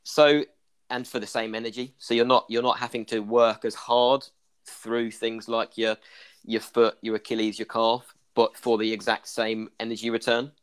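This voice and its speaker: A man's voice: medium pitch, little pitch movement, normal speed, clean tone. A man with an Irish accent, a clinician explaining running injuries in a casual podcast chat, full of "kind of" fillers.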